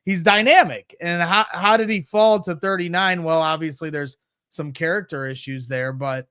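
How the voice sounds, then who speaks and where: A podcast guest talks sports with a fan's excitement. His voice is bright, smooth and a little high, recorded dry with no echo. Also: moderate pace. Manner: eager, excited fan talk. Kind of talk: casual sports podcast chat.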